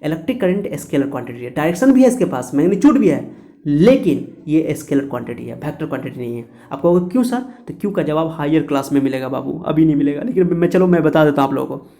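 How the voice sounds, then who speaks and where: A man's voice: a little high, lively intonation, quick pace, gravelly, mellow. A male teacher giving a chatty classroom physics lecture, repeating points and laughing at his own jokes.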